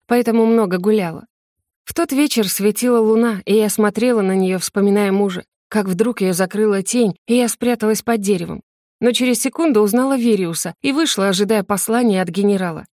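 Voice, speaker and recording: Woman, audiobook narrator, first-person fantasy story, gentle, expressive, medium pitch, dry close sound. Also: no room sound.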